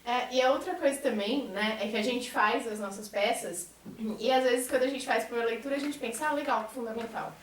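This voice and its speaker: A woman with a Brazilian accent, a member of a theatre troupe, speaks earnestly and articulately in a reflective group conversation. Her voice is on the high side and a little fast. The room is echoey, the mic is distant, and there is a little hiss or hum.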